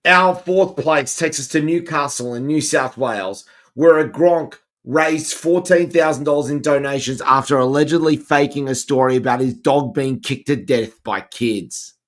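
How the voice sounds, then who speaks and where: A man's voice: on the high side, moderate pace. A male podcast host chatting casually and reading news stories aloud, now and then stumbling and correcting himself.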